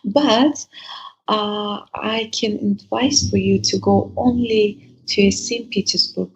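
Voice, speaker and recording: A woman with a Russian accent and a husky, gravelly voice, chatting casually as an interview guest. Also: mid-range voice, slow pace, highs cut off. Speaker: interview guest, adult content creator.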